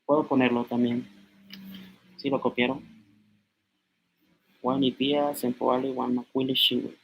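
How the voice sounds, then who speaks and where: A young man in his twenties, from Mexico, giving an informal language lesson and slowly repeating words as he writes them out. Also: medium pitch, little pitch movement, creaky, highs cut off, slight background noise. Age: 20s. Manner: slow, repeats words aloud while writing on a board. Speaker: language teacher.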